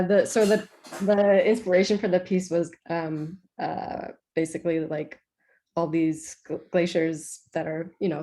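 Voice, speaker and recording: Lower-voiced woman composer, chatty. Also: darkish tone. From Iceland. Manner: chatty, many "like"s and self-corrections. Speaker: composer being interviewed. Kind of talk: casual interview answers.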